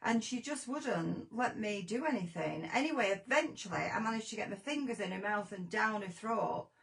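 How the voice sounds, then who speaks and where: A woman chats on a live stream from home, her voice carrying a gravelly fry at a mid pitch. She sounds shaken and flustered, rambling warmly from one thought to the next. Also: expressive, moderate pace, rough recording. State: shaken after a scare. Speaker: craft show host. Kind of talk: casual live-stream chat.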